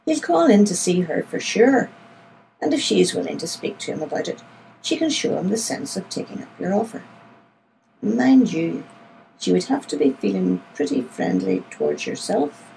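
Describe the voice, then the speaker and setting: A woman's voice: mid-range voice, sing-song, normal speed, gravelly, dark tone, slight background noise, poor audio. A woman voicing a canny, polite country poacher, a grown man who speaks deferentially and persuasively.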